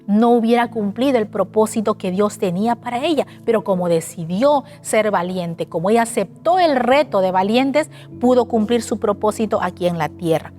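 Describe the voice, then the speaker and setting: A woman preaching a sermon in an animated way, asking the listeners rhetorical questions. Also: mid-range voice, normal speed, hardly any pauses. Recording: faint music behind.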